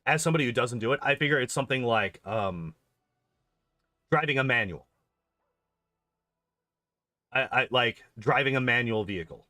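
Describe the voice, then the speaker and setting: This game streamer and video host talks at a medium pitch with a fairly bright tone, in a dry, clean studio recording. His livestream chat is casual and rambling, with phrases repeated for emphasis.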